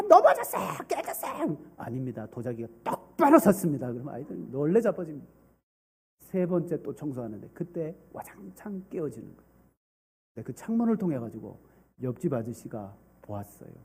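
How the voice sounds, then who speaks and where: A male pastor preaches with lively, rising and falling delivery, pausing to quiz the congregation. His voice sits high yet mellow, with a husky grain. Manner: animated, questioning the congregation. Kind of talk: sermon with storytelling.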